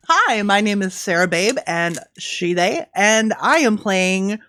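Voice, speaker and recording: A woman in casual table talk as a tabletop player, sardonic and quick to swear. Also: mid-range voice, expressive, a bit bright.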